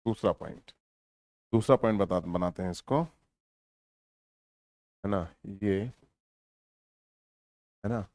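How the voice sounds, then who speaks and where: A male teacher giving a lesson in a lively, teasing manner, at times explaining loudly and at times mumbling quietly while writing. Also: low-pitched, slow, long pauses, no echo, clean studio sound. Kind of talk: online lecture.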